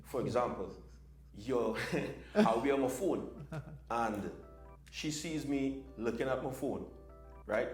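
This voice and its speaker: A man's voice: mid-range voice, slow pace, pauses often. Brief: male podcast co-host, easygoing explainer, echoey room with faint music. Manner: relaxed, explains with little acted quotes. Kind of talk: casual podcast chat.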